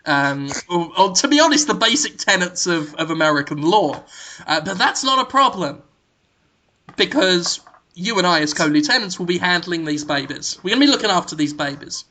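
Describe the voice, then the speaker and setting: A man co-hosts a comedy podcast, delivering an absurd proposal with a totally straight, deadpan seriousness. His voice is bright and forceful, and he leans on frequent ums and uhs as he builds the bit. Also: moderate pace. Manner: deadpan mock-serious pitch of an absurd plan. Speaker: podcast co-host.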